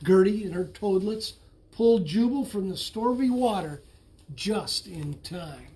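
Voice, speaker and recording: Slow, expressive male storybook reader. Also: high voice. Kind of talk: read-aloud picture book narration.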